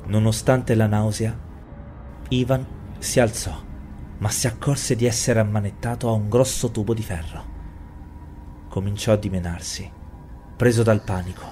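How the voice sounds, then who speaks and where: A man narrating a horror story in a dramatic, expressive way. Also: on the low side. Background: faint music.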